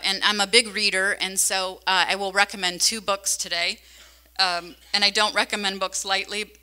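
A woman's voice: medium pitch, bright, forceful tone, clear, resonant tone. A middle-aged woman giving a conversational conference keynote into a handheld microphone in a large hall, often asking the audience questions. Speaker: keynote speaker.

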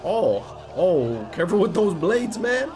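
In his poster-lined bedroom, a young adult man reacts live to an anime episode, exclaiming, swearing and laughing. His voice is high-pitched with big swings in pitch, his pace unhurried, and background noise can be heard.

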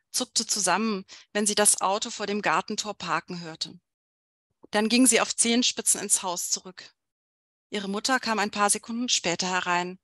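Bright-voiced woman reading aloud. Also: medium pitch, no echo, studio quality. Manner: measured, with frequent hesitations in talk. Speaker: literary translator. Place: literary event.

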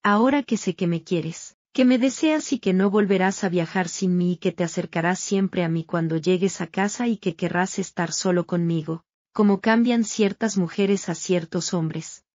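Dreamy young wife, read by a woman, slow and tender, dry muffled audio. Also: lowish voice, darkish tone, no echo, lightly acted.

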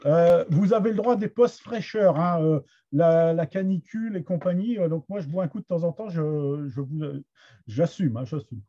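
A man's voice: a little high, normal speed, warm tone. A man with a Somme Picard accent teaching Picard literature in an online master class, hesitant, with many restarts and fillers. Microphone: computer mic on a video call. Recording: dull lo-fi video call audio.

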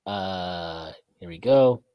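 This podcast host, a man in his thirties, has a low voice and draws out his words. The webcam audio from his small indoor room has no echo and cut-off highs, as he rambles through a casual postgame sports chat, reading viewer comments and laughing frequently.

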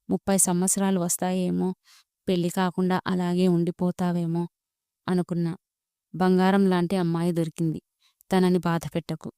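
A woman's voice: lowish voice, warm tone, clear, resonant tone, no room sound, studio quality, lightly acted. A woman voicing a worried older mother pleading with her son, in a storybook reading.

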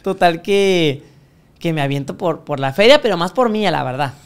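A man's voice: on the high side, animated, normal speed, smooth. A young Mexican man, a podcast guest, telling crude stories full of profanity and acting out the voices of people he quotes. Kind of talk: casual storytelling interview.

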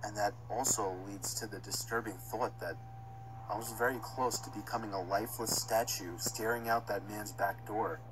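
A man's voice: on the low side, fairly even intonation, moderate pace, noisy background. A man reading a scripted first-person horror story as its narrator. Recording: music under the narration. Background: music.

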